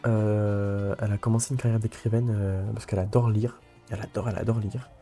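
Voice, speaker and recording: Young male let's play host, mellow voice, chatty and rambling, light music underneath. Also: lowish voice, level tone, brisk. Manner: rambling, many fillers and restarts. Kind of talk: casual gameplay commentary.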